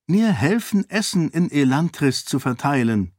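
A man's voice: fairly high pitch, sing-song, a little slow, darkish tone, no echo, clean studio sound, pitched above the performer's own voice. A man voicing a resolute young noblewoman who talks earnestly and persuasively in an audiobook. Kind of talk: audiobook character voice.

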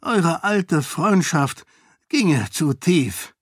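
Fat count, gloating, mocking, arrogant, low and slow, voiced by a man. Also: expressive, husky, dry recording, clean studio sound, exaggerated voice.

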